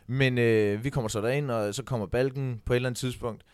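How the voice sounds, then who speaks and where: A young man, co-hosting a podcast and telling a story with excitement, acting out the shouts he quotes. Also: medium pitch, clean tone, no room sound, studio quality. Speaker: podcast co-host. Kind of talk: casual chat.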